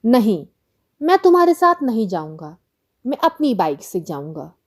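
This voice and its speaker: A woman voicing a sensible, careful young boy in a children's story, in her own lively voice. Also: on the high side, moderate pace. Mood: earnest.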